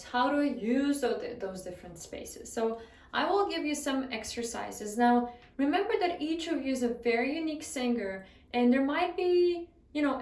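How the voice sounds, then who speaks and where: Higher-voiced woman teaching singing, roomy sound. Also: a little mellow, far from the mic. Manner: friendly instructive, guides exercises step by step. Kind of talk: vocal lesson.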